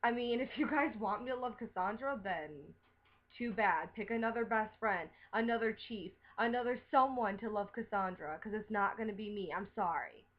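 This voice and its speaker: A woman's voice: mid-range voice, normal speed, highs cut off. A woman delivering an upset, defensive rant to her viewers, swearing as she talks. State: upset, recently crying. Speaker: vlogger. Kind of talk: emotional webcam rant.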